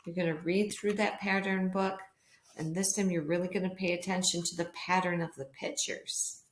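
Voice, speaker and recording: A woman's voice: on the low side, little pitch movement, moderate pace. A woman speaking as a kindergarten teacher, talking simply to small children as if reading aloud to them in a read-along lesson. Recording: roomy echo.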